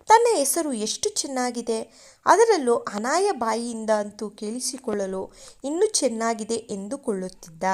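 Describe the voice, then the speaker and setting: A woman narrating a romance story in a slow, expressive reading voice. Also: fairly high pitch.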